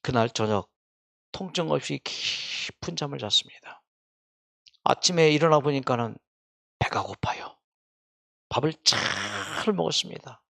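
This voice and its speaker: Gravelly man lecturing to a hall. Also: mid-range voice, expressive, a little slow, pauses often, a bit bright. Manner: storytelling with questions to the audience. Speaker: health lecturer.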